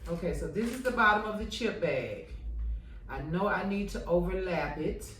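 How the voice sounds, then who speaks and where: A woman's voice: lowish voice, expressive, moderate pace, a bit bright. A woman chatting to herself and her viewers as she works on a craft project, using Southern US slang. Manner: chatty, talks to herself and the viewers while working. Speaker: crafting vlogger. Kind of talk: casual crafting tutorial. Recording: roomy, from a distance, faint ambience.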